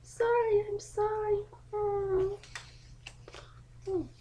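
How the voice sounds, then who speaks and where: A man's voice: extremely high pitch, little pitch movement, very slow, warm tone, slight background noise, pitched above the performer's own voice, exaggerated voice. A man voicing a brash young female pegasus pony who stammers and pleads nervously in a fan audio drama. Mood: sheepish.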